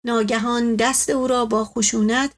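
A woman's voice: on the high side, fairly even intonation. Woman narrating an audiobook.

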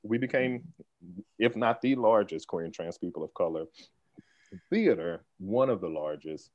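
Man guest on a podcast, lively storyteller, lowish voice, dull dry recording. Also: no room sound. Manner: animated storyteller, laughs often, quick bursts. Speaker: guest, theater organization leader. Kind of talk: conversational podcast interview.

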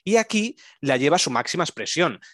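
A man's voice: a little high, big pitch swings, brisk, fairly bright tone, dry recording, studio quality. Chatty Spanish man reviewing films. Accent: Spanish from Spain. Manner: chatty, laughs often, enthusiastic. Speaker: podcast co-host. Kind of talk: casual film review chat.

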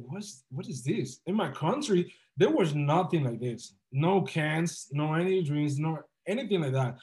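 On a casual podcast, a young guest entrepreneur from the Dominican Republic recounts his journey earnestly and with upbeat, motivational energy. His pitch is fairly high and his voice a little mellow.

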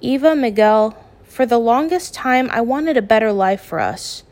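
A woman reading as a steady, calm father. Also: fairly high pitch, voice pushed up. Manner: calm, measured, gently firm. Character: steady middle-aged father, practical and kind.

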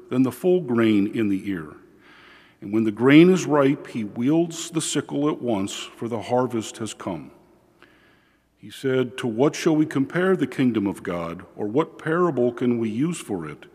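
A man serving as priest, reading the gospel and then preaching slowly and measuredly, his voice carried by a long cathedral-like echo in a large church. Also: mid-range voice, expressive, darkish tone, slightly rough. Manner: slow and measured, with frequent "uh" fillers in the homily. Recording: reverberant church hall.

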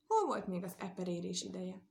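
A woman reading a children's story aloud in a lively, expressive way. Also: fairly low pitch, gravelly. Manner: lively, expressive read-aloud with sound words.

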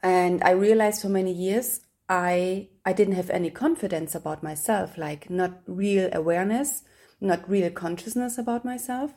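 A woman hosting her podcast, talking earnestly in a halting way with frequent fillers. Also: lowish voice, dark tone. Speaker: podcast host. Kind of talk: casual conversational interview.

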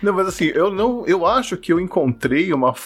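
A man's voice: high voice, sing-song, brisk, a bit bright, slightly rough, faint music behind. A man podcaster, chatting casually and a little self-consciously.

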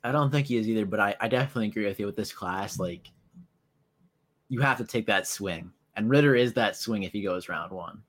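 A man's voice: on the low side, brisk, a bit bright. A man co-hosting a casual sports talk show, talking eagerly and conversationally. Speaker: podcast co-host.

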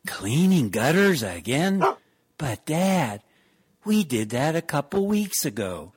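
A man voices a young son in a radio comedy sketch, using a fairly high, husky, very animated full character voice at a slow pace. The boy is inquisitive and doubtful, puzzled and protesting, and his questions come out as whiny complaints.

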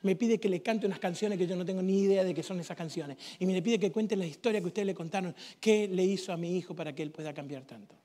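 A preacher acting out a worried village father who speaks low and earnestly. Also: fast, few pauses, dark tone, in a large hall. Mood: pleading. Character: stern village father, worried, then pleading.

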